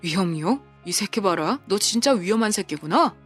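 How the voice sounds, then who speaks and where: A big, burly off-duty policeman, voiced by a woman in an audio drama, cool and mocking, firing cold sarcastic questions at mid pitch. Faint music plays under the voice. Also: lively intonation, normal speed, breathy edge.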